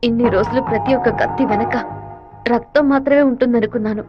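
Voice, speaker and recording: Woman voicing a devoted mother, high-pitched. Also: fairly even intonation, fast talker, loud music behind the voice, lightly acted. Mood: quietly firm. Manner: tearful, pleading. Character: grieving mother, emotional and devoted. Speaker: mother in a dubbed film. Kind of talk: dubbed film dialogue. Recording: dull lo-fi film soundtrack.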